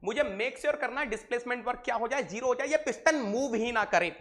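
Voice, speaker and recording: A man's voice: very high-pitched, quick pace, fairly bright tone. An Indian man with an Indian accent giving a live online engineering lecture, mixing Hindi and English, repeating points and quizzing his students affectionately.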